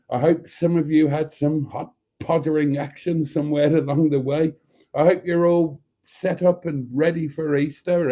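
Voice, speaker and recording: Campy, mellow-voiced British man, cheeky and flustered. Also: fairly high pitch. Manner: flustered, self-interrupting, sweary. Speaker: host of an after-party livestream. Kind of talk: rambling, cheeky livestream chat.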